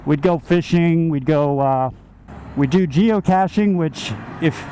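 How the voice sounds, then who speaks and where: A man's voice: fairly high pitch, slow pace. A middle-aged American man telling a rambling, casual personal story from inside a motorcycle helmet while riding. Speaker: motovlogger. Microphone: helmet microphone. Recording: helmet mic, loud engine and wind noise.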